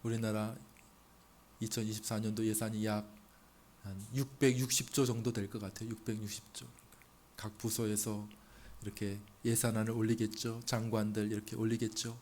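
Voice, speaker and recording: A male pastor delivering a sermon in a conversational style. He asks the congregation rhetorical questions and builds to loud, emphatic peaks. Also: fairly low pitch, flat delivery, normal speed, a little hiss or hum.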